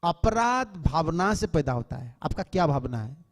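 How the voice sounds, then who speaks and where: A man, a swami, lectures devotees in a temple with an earnest, admonishing tone, slipping English words into his talk. His voice sits somewhat high for a man. The hall adds a long, lingering reverb. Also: sing-song, normal speed.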